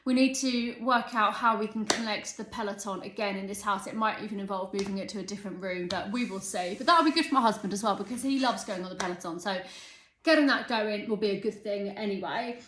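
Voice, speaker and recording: A vlogger in her thirties chats casually and a bit ramblingly, sounding self-aware and determined. Her medium-pitched voice is brisk and a bit bright, recorded in an echoey room with slight background noise.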